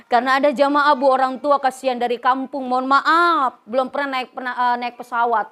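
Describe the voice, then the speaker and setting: Very high-voiced woman preacher. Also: normal speed. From West Java, Indonesia. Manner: lively storytelling, acting out characters, frequent laughter. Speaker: female Islamic preacher. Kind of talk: humorous religious lecture.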